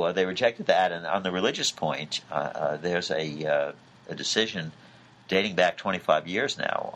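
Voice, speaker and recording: Man, middle-aged, very deep voice, measured legal explanation, frequent "uh" fillers, faint background noise. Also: a bit bright, low-quality recording. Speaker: legal commentator.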